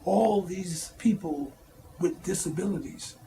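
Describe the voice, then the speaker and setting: Man, higher pitch with gravelly fry, mellow tone; documentary voice-over narrator. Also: slow, slight background noise, poor audio. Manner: plain introductory voice-over. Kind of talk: scripted narration.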